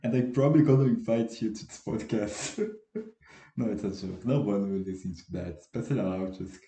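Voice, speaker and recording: An eighteen-year-old Brazilian podcast host delivers a casual solo monologue in halting, self-deprecating English, his second language, restarting often and speaking with a Brazilian Portuguese accent. His very dark, mellow voice sits a little low and is gravelly. He's recording at home in a bare room that makes his voice echo, with dogs barking outside and a little hiss or hum.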